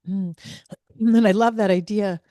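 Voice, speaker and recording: Mellow, earnest woman host. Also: medium pitch, steady tone, normal speed, dry recording. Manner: earnest and reflective, with frequent restarts. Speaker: podcast host, former hospice physician. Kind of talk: conversational interview.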